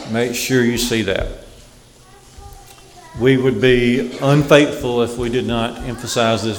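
A man's voice: mid-range voice, a little hiss or hum. Man preaching in an echoey hall. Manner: measured, repeats phrases for emphasis. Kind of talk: sermon. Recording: echoey hall with long reverb.

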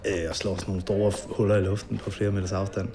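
A man's voice: sits low, flat delivery, a crowd in the background. A man recounting a past night in a documentary interview, hesitant and full of fillers.

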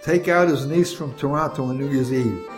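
A man's voice: mid-range voice, moderate pace, over loud music, natural voice. A man voicing a young male graduate student who is coaxing a friend into doing a favor, in a told story.

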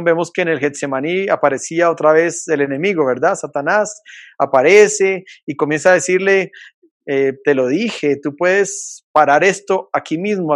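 High-voiced pastor preaching online. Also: male voice. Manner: conversational, asks rhetorical questions often. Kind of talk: online sermon.

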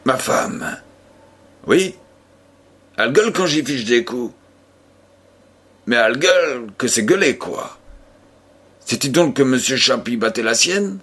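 A man's voice: medium pitch, expressive, takes it slowly, long pauses, sharp tone, slightly rough, exaggerated voice. A man voicing a puzzled old country postman. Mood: bewildered. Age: older. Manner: plodding, puzzled countryman's speech. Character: bewildered old rustic male postman.

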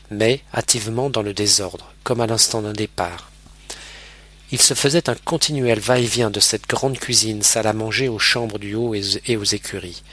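A man reads a classic novel aloud in a measured, even way. His voice sits low but comes across bright and forward, with a husky, breathy grain. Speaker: audiobook narrator. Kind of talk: literary audiobook narration.

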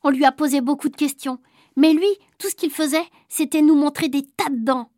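A woman reading a children's story aloud in a lively, childlike first-person telling. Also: sits high, fairly quick, no room sound, studio quality. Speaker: audiobook reader. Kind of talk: storybook narration.

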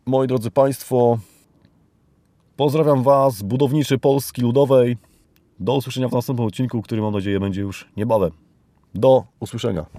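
Medium-pitched and dark in tone, this podcast host from Poland speaks at normal speed with a steady tone and no echo. His commentary is an off-the-cuff monologue, ironic and rambling, full of rhetorical tag questions.

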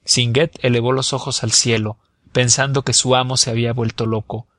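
Male audiobook narrator, measured expressive reading, dry close sound. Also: mid-range voice, no echo. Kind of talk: scripted narration.

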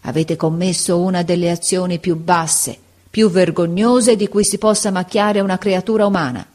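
A woman reading a story aloud gives the lines of a stern male schoolteacher in a measured, scolding delivery. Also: on the low side, fairly even intonation, a little mellow, close to an everyday voice.

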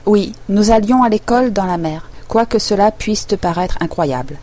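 A woman's voice: mid-range voice, animated, moderate pace, mellow, lightly acted. The Mock Turtle, a sobbing sad creature, as a woman puts her on. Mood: wistful. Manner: mournful, sighing, touchy.

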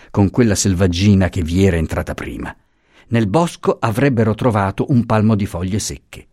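Male audiobook narrator, low and lively in pitch, dry close-up sound. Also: dry recording. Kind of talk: scripted narration of a novel.

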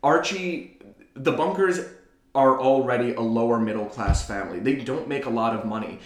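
A man's voice: medium pitch, normal speed. Young man, podcast co-host, analytical, dry sarcasm, roomy echo. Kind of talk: casual chat. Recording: echoey room.

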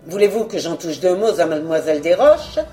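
Grumbling hunchbacked secretary, male, greedy, voiced by a woman, dark mellow voice, soft music underneath. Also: lowish voice, expressive, fairly quick, voice pushed down, natural voice. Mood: sly. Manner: gruff, muttering.

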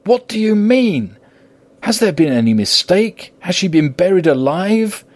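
A man reading an audiobook voicing a proud, indignant young gentleman in agitated, pleading outbursts. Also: lowish voice, animated, a little slow, no echo. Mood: anguished.

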